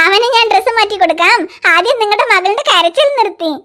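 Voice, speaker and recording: Cartoon mom, very high and coaxing, soothing a crying child, voiced by a woman. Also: fairly quick, pushed and bright. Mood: teasing. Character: young mother, patient and teasing. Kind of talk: cartoon voice acting.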